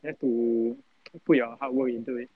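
A man's voice: mid-range voice, little pitch movement, no room sound, phone-quality sound. A man in his twenties with a Singaporean accent, giving casual, rambling interview answers in colloquial Singlish, full of fillers and local particles. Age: 20s. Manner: colloquial Singlish with particles like lah, lor and mah; halting, rambling, heavy on filler words. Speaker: interview guest, breakdancer.

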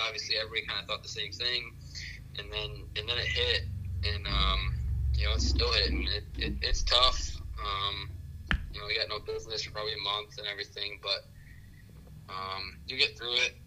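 A man's voice: fairly low pitch, fairly even intonation, fairly quick, noisy background. A man in his late teens answering interview questions in a plain, matter-of-fact way. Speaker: guest, young shop owner.

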